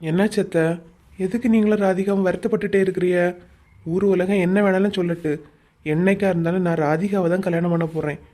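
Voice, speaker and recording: A woman's voice: on the low side, steady tone, fast talker, mellow, natural voice. A woman voicing an earnest young groom who speaks firmly and reassuringly, with a Kanyakumari Tamil accent, in a cartoon story. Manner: firm, reassuring.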